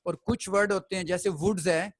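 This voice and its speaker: Guy teacher, high voice, walks the class thru a poem bit by bit, faint hiss behind. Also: steady tone, a little fast, poor audio. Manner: explains step by step, often checks students follow. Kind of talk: classroom poetry lesson.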